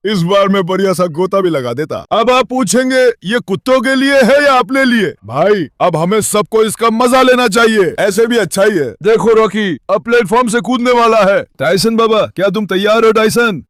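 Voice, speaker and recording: A man's voice: high-pitched, a bit bright, no room sound, clean studio sound. A young man casually talking on a vlog, coaxing and calling to his dogs. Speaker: vlogger with dogs.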